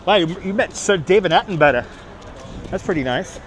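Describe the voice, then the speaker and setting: Middle-aged man, Brooklyn accent, slightly high voice, chatty and repetitive, casual live-stream talk, faint city street noise. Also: expressive, fairly quick, rough recording. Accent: Brooklyn, New York. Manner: chatty, reading and answering viewers aloud, repeats himself. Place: outdoors on busy Manhattan streets.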